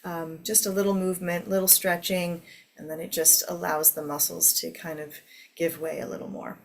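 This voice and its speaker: A woman teaching a guided meditation to a seated group in a soothing, gentle way. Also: lowish voice, flat delivery, normal speed, vocal fry.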